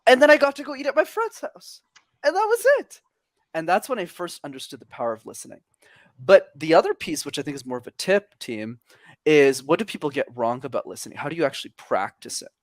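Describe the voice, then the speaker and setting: A young man from Canada, a podcast guest, telling stories in energetic, extroverted casual chat. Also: a little high, fairly quick, no echo, clean studio sound.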